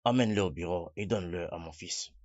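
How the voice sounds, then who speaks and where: A man's voice: deep voice, quick pace, a little mellow, dry recording, dull audio, natural voice. An actor playing a wealthy, stern father and grieving widower in a French-dubbed film. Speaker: father of the bride.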